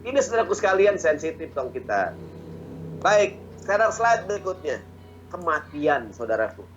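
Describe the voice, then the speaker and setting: A man's voice: fairly high pitch, sing-song, normal speed, slight background noise. Chatty male preacher, lo-fi. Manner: jokey, chatty, often asks "ya nggak?"; acts out quoted dialogue. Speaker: Islamic preacher. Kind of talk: casual online religious talk.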